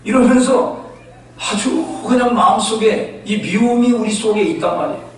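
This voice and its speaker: A male pastor preaching a sermon, telling stories in a lively way and acting out the voices of the people in them. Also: high voice, moderate pace. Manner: animated storytelling, acting out quoted voices. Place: church sanctuary. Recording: echoey church hall from far off.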